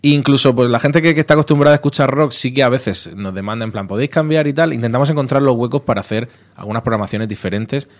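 Radio manager guy on a podcast, chatty, does the voices when he tells stories. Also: mid-range voice. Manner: lively, animated storyteller, quick to act out dialogue. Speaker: radio station product manager, guest. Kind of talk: casual interview talk.

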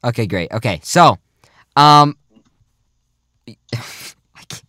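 A young man hosting a casual, goofy podcast chat, talking in a mock-serious, rambling way that often trails off quietly. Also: mid-range voice, animated, slow pace, dry recording, studio quality. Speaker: podcast host.

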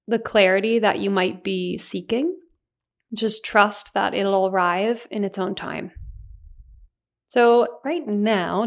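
Female meditation guide, mid-pitched voice, soothing and unhurried, gentle pauses between phrases.

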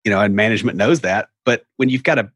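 Husky middle-aged man with an Appalachian accent. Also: lowish voice, quick pace, a bit bright, no room sound, clean studio sound. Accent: Appalachian hillbilly, Southern US. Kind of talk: casual conversational explaining.

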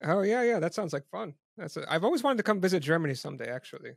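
Brief: male podcast host, quick and gravelly, trips over repeated words, dry close sound. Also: high-pitched, very animated, dry recording. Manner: self-deprecating, stammers on repeated words. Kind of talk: casual interview chat.

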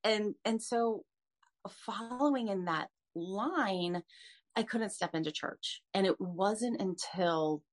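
A woman's voice: medium pitch, slow. A woman in her fifties, a podcast guest, earnestly telling her story of faith with frequent restarts. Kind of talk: personal testimony in an interview.

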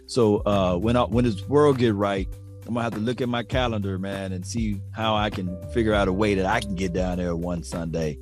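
A man chatting casually as a podcast guest, relaxed and peppering his talk with "man". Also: lowish voice, fairly quick, faint music behind. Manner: laid-back, fills talk with "man" and "mm". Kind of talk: casual chat.

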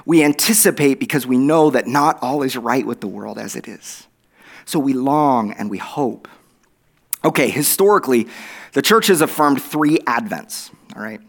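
A man's voice: mid-range voice, moderate pace, creaky. A middle-aged man with an Oklahoma accent preaching a sermon in a conversational way, checking in with listeners and repeating phrases for emphasis. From Oklahoma, USA. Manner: conversational, with check-in tags like "right?" and "okay?".

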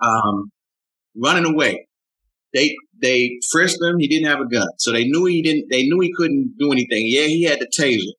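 An older man who mentors youth, talking earnestly in an interview, often repeating himself and rising in pitch when moved. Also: lively intonation, normal speed, fairly bright tone, breathy edge, rough recording. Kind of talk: heartfelt conversational interview.

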